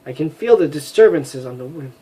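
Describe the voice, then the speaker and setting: A man's voice: on the high side, animated, brisk, mellow, husky. A man voicing a proud, mystical winged female warrior in a game, speaking in lofty, solemn pronouncements.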